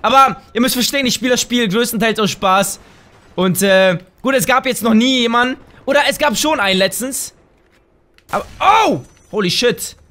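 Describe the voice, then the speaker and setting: A man doing let's play gameplay commentary, chatting straight to his viewers and breaking into loud, excited shouts. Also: very high-pitched, brisk. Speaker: gaming channel host.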